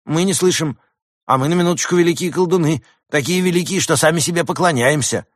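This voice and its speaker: Man doing a boastful wolf trader, high and fussy. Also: fast talker, no room sound, studio quality, lightly acted. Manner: boastful, fussy, pushy salesman. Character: pompous wolf trader posing as a demon wizard.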